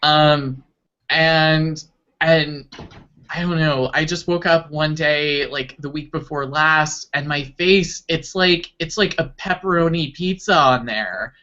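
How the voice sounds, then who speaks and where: An embarrassed, reluctant schoolchild played by an adult with a bright, edgy voice. The kid is hesitant and sheepish in an improv comedy scene, on a slightly dull recording. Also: medium pitch, takes it slowly. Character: embarrassed, reluctant second-grade child hiding under a mask.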